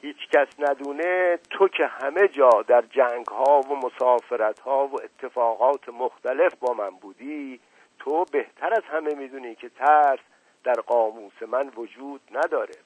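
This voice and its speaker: A man voicing a pompous, suspicious older uncle who speaks impatiently and forcefully, in a story reading. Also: medium pitch, dry recording, pitched above the performer's own voice, natural voice. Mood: angry. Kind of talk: audiobook reading. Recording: tinny lo-fi radio broadcast, dry.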